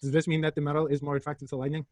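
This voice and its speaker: His voice slightly high and a bit mellow, a Turkish physics lecturer talks quickly with little movement in pitch. Joking and provoking, he throws rhetorical question after rhetorical question at the students, all captured dry without echo.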